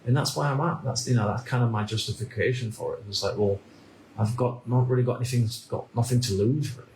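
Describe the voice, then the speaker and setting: A man in his thirties from the United Kingdom, talking through a reflective personal monologue in a halting way, often repeating words and restarting sentences. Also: mid-range voice, fairly even intonation, darkish tone, echoey room, slight background noise, poor audio. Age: 30s. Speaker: vlogger.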